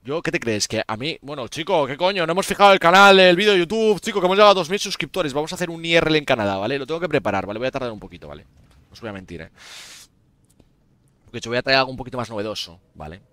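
A man's voice: fairly high pitch, expressive, very fast, pushed and bright, no echo. A young man from Spain with a Spanish accent, streaming games live and chatting casually with viewers, sounding tired. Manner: chatty, addresses viewers as tío and gente. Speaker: game streamer.

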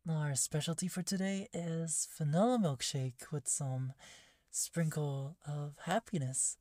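A shy, easily flustered catgirl maid, played by a woman, speaks in a timid, hushed ASMR role-play voice. The pitch sits low and the words come very slowly, with hesitant stops. The sound is close and dry. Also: fairly even intonation, no room sound. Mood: shy, eager. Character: shy, flustered catgirl maid waitress craving head pats. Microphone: close, dry microphone.

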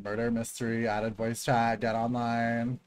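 A man's voice: completely flat delivery, measured pace. A man in his late thirties streaming a game, sassy and dramatic, calling everyone girl. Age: late 30s. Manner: swings between low mutters and high squeals. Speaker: gaming streamer. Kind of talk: casual game commentary.

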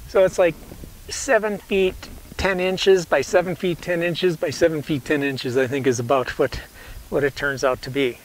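A man's voice: a little high, fairly even intonation, normal speed, a little hiss or hum, rough recording. A man in his sixties giving a casual, rambling, self-correcting how-to demonstration outdoors on a lawn, recorded on a camera mic. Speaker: canoe builder showing his rig. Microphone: camera mic, sometimes far from camera.

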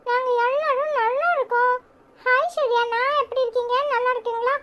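A woman's voice: very high-pitched, fairly even intonation, brisk, highs cut off, voice pushed up. A woman voicing a cheeky, bossy but caring little boy in a cartoon, with a Tirunelveli Tamil accent and chirpy childish chatter. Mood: coaxing.

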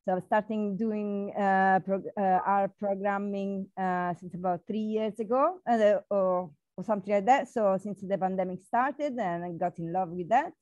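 A woman from Italy with an Italian accent, introducing herself slowly on a video call with many fillers. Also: medium pitch, darkish tone, dry recording. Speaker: book club participant. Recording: dull dry call audio.

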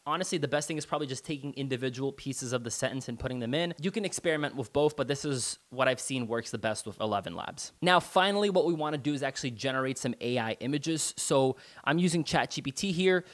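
A man narrates a screen-recorded tutorial in a relaxed, conversational way. His voice sits at an ordinary middle pitch. He uses easy slang and drops casual swear words as he explains each step. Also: quick pace, few pauses. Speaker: online marketing tutor.

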